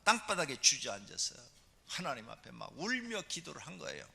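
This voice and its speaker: Animated male pastor in an echoing church. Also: on the high side, brisk, creaky, husky. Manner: animated storytelling, calls for amen responses. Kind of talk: sermon. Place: church sanctuary. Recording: long reverb of a church hall.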